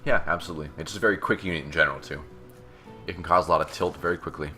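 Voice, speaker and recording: A man's voice: low voice, racing, sharp tone, soft background music. A man giving joking play-by-play commentary on a strategy video game match. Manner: joking, banters with co-caster. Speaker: esports caster.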